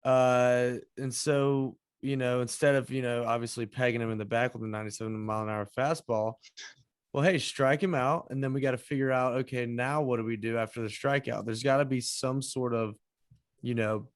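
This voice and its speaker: A man's voice: medium pitch, steady tone, fairly quick, smooth, no room sound. A man co-hosts a sports podcast, laid-back and chuckling as he chimes in. His voice sits in a middle range, and the recording is close and dry. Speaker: podcast co-host. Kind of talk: casual chat.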